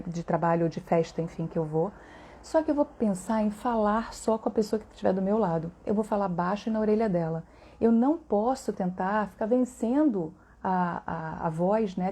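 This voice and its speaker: A chatty middle-aged Brazilian woman hosts a live stream as a voice therapist. Her voice is mellow and dark, at a middle pitch. She talks warmly and loosely, tossing in tag questions as she answers viewers. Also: husky. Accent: Brazilian Portuguese.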